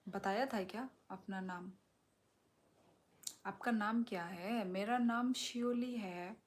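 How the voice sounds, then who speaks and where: A young woman from Tripura chatting casually with viewers on her phone during a live stream, relaxed and sometimes dropping to a soft whisper. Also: mid-range voice, slow.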